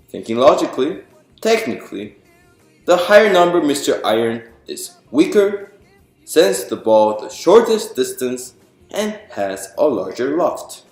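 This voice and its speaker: Reading a picture book to an audience, this man speaks at a measured pace in a fairly high, very animated voice with a slightly mellow quality. He explains as he goes, asking his listeners questions and answering them himself. Music plays under a roomy echo.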